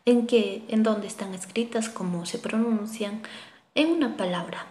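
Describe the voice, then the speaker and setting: A woman teaching a language lesson, saying each word slowly and repeating it for learners to echo. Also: mid-range voice, mellow, husky.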